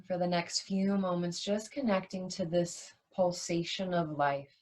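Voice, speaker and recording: Guiding listeners through yoga nidra, a female teacher speaks in a soft, slightly mellow voice on the low side. Her pace is calm and unhurried, and long silences separate each brief phrase.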